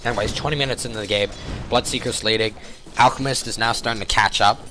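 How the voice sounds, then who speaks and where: Hoarse, excitable young game caster. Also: male voice, fairly low pitch, quick pace, soft background music. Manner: excitable, rambling, self-correcting. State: hoarse from a cold. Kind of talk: live video game commentary.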